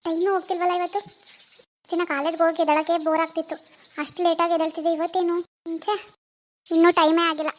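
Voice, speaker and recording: A woman's voice: very high voice, level tone, fast talker. A woman playing a lovestruck young college student in a village family drama, muttering anxiously to herself. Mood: impatient.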